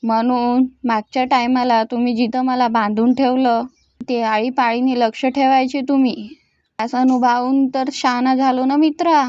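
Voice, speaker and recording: A woman's voice: high-pitched, a little mellow, no echo. A woman reading a taunting gangster boss, dull recording. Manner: taunting, boastful. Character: mocking male gangster boss.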